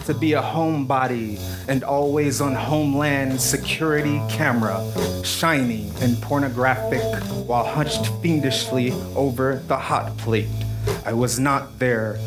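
A man solemnly reciting a poem in a measured way, with guitar music playing behind him. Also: mid-range voice. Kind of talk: poetry reading over music.

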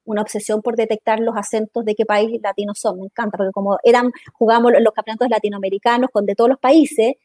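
A woman's voice: on the high side, fairly even intonation, fast talker, few pauses, mellow, dry recording. A Chilean woman with a Chilean accent, speaking as an interview guest in an earnest, impassioned way, often restarting her sentences. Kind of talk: conversational interview.

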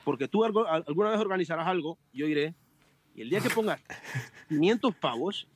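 A man chatting as a podcast guest, telling animated stories, joking and swearing freely over a remote call. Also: a little high, a little fast, husky, no echo. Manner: animated storyteller, swears, jokes. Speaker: podcast guest, amateur cyclist. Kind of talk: casual chat.

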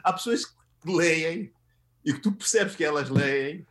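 A man with a European Portuguese accent talks in a notably high voice, riffing loosely and animatedly. He often breaks into laughter in a casual podcast chat. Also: measured pace, fairly bright tone. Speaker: podcast host.

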